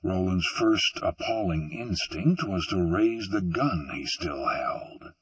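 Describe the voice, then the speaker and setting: A male audiobook narrator reads in a measured, deliberate way, his voice low and husky. The recording is dry and set back from the microphone. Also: expressive, no room sound, far from the mic, rough recording. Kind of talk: scripted narration.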